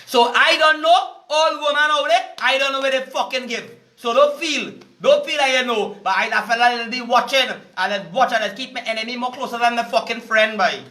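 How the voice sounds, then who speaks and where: A Trinidadian man rants in a very high voice, swearing constantly as he street-preaches. His tone is bright and cutting, and he circles back to the same points over and over. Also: fairly quick, hardly any pauses. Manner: heated, cursing, repetitive. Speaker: vlogger. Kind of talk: profane street-preaching rant.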